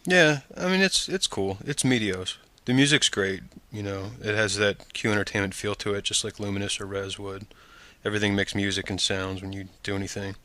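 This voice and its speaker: A man's voice: lowish voice, steady tone, fairly quick, hardly any pauses, sharp tone. A man hosting a casual gaming podcast, talking in a laid-back, rambling way with frequent ums. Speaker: podcast host.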